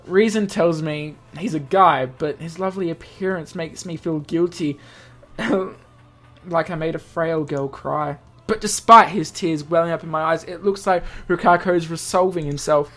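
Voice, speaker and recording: Narrating a game, this man works through a visual novel out loud, tripping over some lines and dropping in relaxed asides to explain things. He speaks on the high side at a moderate pace, with a fairly bright tone.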